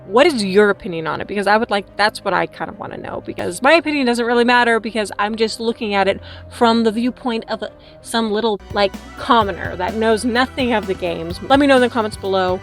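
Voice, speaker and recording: A woman's voice: mid-range voice, fairly quick, soft background music. A giggly, tipsy-sounding woman rambling casually and animatedly as she gives a chatty review to camera. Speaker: movie reviewer hosting a vlog.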